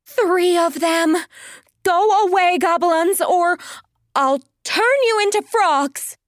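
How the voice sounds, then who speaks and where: Woman doing a clumsy little magic hoofed girl, high bright exclaiming voice, storybook. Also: drawn-out words, dry recording, studio quality, exaggerated voice. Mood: startled. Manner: bright, exclamatory, easily startled.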